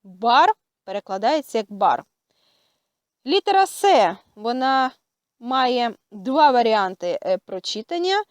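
A woman with a Ukrainian accent teaching a language lesson, speaking carefully and pausing often with hesitant fillers. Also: on the high side, very animated, smooth, dry recording. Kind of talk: slow spoken lesson.

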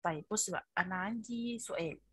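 An Egyptian-accented woman teaching young children online coaxes them along and praises them, her voice a little husky. It's a mid-range voice at a quick pace, recorded without echo.

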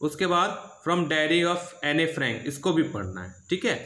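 A man's voice: fairly high pitch, sing-song, takes it slowly, sharp tone, reverberant. A male English teacher walks students through a syllabus. He speaks steadily and repeats himself, checking in often with "theek hai". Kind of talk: syllabus walkthrough lesson.

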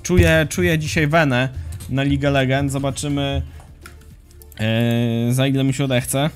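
A man streaming a game, commentating casually and chatting with viewers in a relaxed, slangy way. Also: mid-range voice, unhurried. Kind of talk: casual live commentary while playing and reading chat. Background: faint music and keyboard typing.

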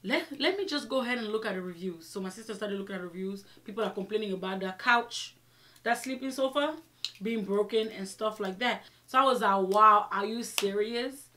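A young adult woman vlogger giving an animated, exasperated storytime rant, speaking emphatically and acting out quoted exchanges as she retells them. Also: mid-range voice, fairly quick, a little hiss or hum. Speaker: vlogger telling her own story. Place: small indoor room with shelves, seated before the camera.

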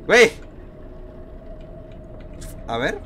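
A man's voice: very slow, sharp tone. A young Mexican man streaming a horror game, panicky and jokey, swearing casually and repeating phrases frantically. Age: young adult. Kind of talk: live gameplay commentary, casual and profane. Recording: clear background game noise.

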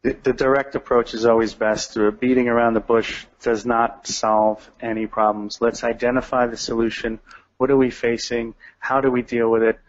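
A man with an average-pitched voice speaks as an interview guest. He is calm and direct, with the measured delivery of a hostage negotiator. The recording sounds a little dull and lo-fi. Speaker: guest, retired police detective and hostage negotiator. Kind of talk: radio interview. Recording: dull, lo-fi audio.

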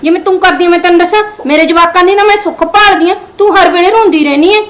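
An actress playing an argumentative young wife with two children in a Punjabi village family drama, nagging in a Punjabi accent. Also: female voice, extremely high pitch, quick pace. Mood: quarrelsome. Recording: echoey room, faint noise.

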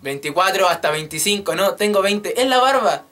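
A man's voice: high-pitched, expressive, moderate pace, sharp tone, soft background music. A man in his twenties with a Chilean Spanish accent, chatting animatedly on his vlog in a small room, swearing freely and joking as he rants. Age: 20s. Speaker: YouTube channel host. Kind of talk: casual vlog chat. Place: small room with a drum kit. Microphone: webcam at desk.

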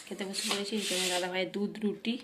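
A woman's voice: mid-range voice, level tone, quick pace. A woman in her thirties, a home vlogger and mother, chatting casually to her viewers while she cooks at home. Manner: chatty, talks straight to viewers while cooking. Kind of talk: casual vlog narration to viewers. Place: home kitchen indoors. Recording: clattering kitchen noise behind. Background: dishes, pots and cutlery clatter.

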